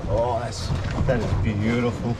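An Australian man fishing from a small boat at sea, talking loudly and boisterously with his mates. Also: medium pitch, level tone, a little slow. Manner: boisterous, swears, shouts with joy. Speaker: angler on a fishing trip. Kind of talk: casual chat while fishing. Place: small boat out on the open ocean. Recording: loud wind and boat noise. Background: wind and engine.

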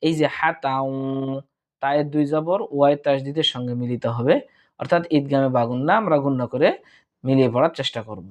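A man's voice: medium pitch, a little fast, muffled recording. A man teaching Quran recitation rules, breaking words into syllables and then chanting the verses drawn out. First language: Bengali. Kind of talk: slow tajweed lesson, spelling out and reciting verses.

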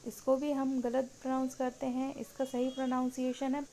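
Woman teacher, mellow and slow, repeats each word carefully, slightly high voice, faint background hiss. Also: monotone, rough recording. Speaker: English teacher. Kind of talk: pronunciation lesson in Hindi and English.

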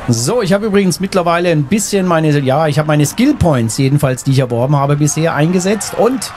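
A man's voice: a little high, lively intonation, a little fast, noisy background. A man hosting a casual let's play, thinking aloud as he plays. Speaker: gaming video host. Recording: faint game ambience behind. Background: faint game ambience.

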